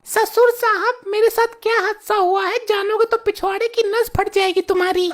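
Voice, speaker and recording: A tiny, very high cartoon boy who bosses the grown-ups around like a husband, as a woman voices him. Cheeky and demanding, with a clear hiss behind. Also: steady tone, moderate pace. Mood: bossy. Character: grown man shrunk into a small boy, cheeky.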